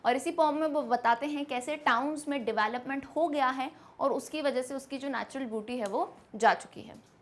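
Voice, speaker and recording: A young Indian woman teacher explaining a poem to students in a lively way, asking them questions as she goes. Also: high voice, normal speed. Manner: lively, asks questions to students, mixes Hindi and English. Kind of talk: classroom lesson explanation.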